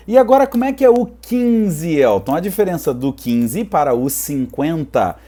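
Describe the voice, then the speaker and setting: A man's voice: a little high, warm tone. A man teaching an online English pronunciation lesson, upbeat, drilling words for the viewer to repeat and dropping cheerful catchphrases.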